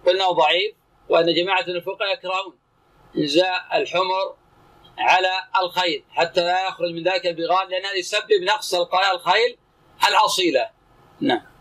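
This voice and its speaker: A man's voice: high voice, steady tone, fairly bright tone, low-quality recording. A man teaching as a sheikh, commenting on texts and questioning a student in short, clipped phrases. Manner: terse, brisk, asks and answers in short clipped phrases.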